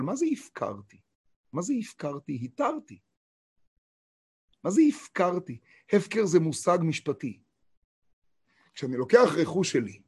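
A man giving a Torah lesson. He reads verses slowly and talks emphatically, asking rhetorical questions. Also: on the high side, husky. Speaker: Torah teacher.

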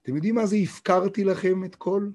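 A man giving a Torah lesson. He reads verses slowly and talks emphatically, asking rhetorical questions. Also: high-pitched, a little mellow. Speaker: Torah teacher.

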